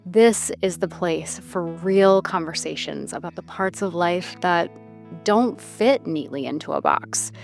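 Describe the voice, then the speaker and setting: In a casual podcast conversation, a thirties-aged female host talks with a lowish, gravelly voice at a slightly slow pace. Soft music plays in the background. She muses in a chatty way, letting thoughts trail off and picking them back up.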